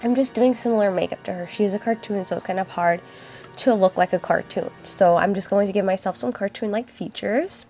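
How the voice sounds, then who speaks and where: A young woman with a raspy, hoarse voice from a cold, chatting casually through a makeup tutorial voice-over. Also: medium pitch, brisk, a little mellow. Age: young adult. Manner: chatty and upbeat, addresses viewers as guys. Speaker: beauty vlogger. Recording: voice-over with faint music behind.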